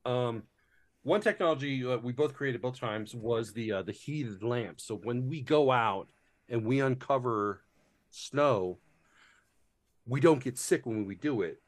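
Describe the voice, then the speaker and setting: A man casually chatting about board games, rambling with lots of fillers and restarts and casual swearing. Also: medium pitch. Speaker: board game reviewer. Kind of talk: casual chat.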